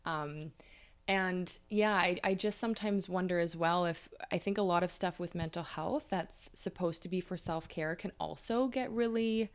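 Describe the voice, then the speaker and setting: A woman from Canada, in her thirties, talks through relationship problems as a couples therapist. Her voice sits a little low and has a gravelly edge. She explains at length and leans on everyday examples. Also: normal speed. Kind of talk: conversational interview.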